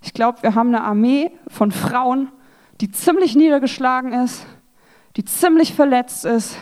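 Lively woman preaching at a women's evening. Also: high-pitched, unhurried. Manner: lively, self-mocking, acts out quoted voices. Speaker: speaker at a church women's evening. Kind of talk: sermon talk.

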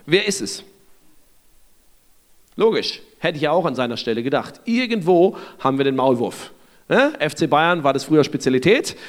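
High-voiced, conversational male preacher. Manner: lively, conversational, asks the listener questions. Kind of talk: sermon retelling a Bible story.

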